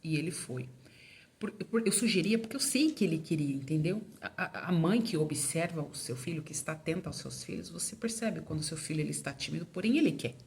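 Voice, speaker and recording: A woman with a low voice tells a family story to her viewers in a relaxed, chatty way. She lifts her pitch when she acts out what others said. Faint background noise can be heard under her voice. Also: brisk, creaky. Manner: animated retelling, acting out quoted lines with raised pitch. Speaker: mother telling about her son.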